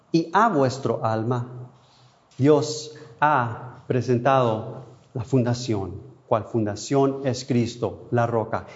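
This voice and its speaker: A man preaching a sermon, emotional, swinging between soft, quiet passages and sudden louder cries, with long pauses. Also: mid-range voice. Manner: non-native Spanish, asks how to say a word. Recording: dull lo-fi sound.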